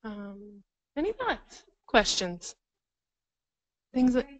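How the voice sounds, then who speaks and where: A woman's voice: a little high, very animated, very slow, no room sound, poor audio. A woman presenting a counseling workshop to a live room, thinking aloud and laughing often. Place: training room with live audience.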